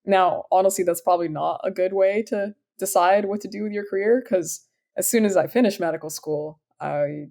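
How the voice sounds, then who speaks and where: A woman's voice: medium pitch, normal speed, gravelly, mellow. A woman in her thirties, originally from Sudan, answering interview questions about her career in an upbeat, enthusiastic way with frequent fillers. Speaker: startup founder, guest.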